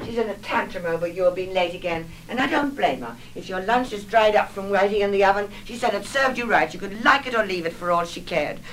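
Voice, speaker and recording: A fragile, nervous middle-aged mother, played by a woman, rambling anxiously and turning defensive at every look. Her voice sits in an ordinary middle pitch with a faint noise behind it, in the manner of a 1960s film drama. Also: animated, fairly quick, few pauses, a bit bright, close to an everyday voice, poor audio.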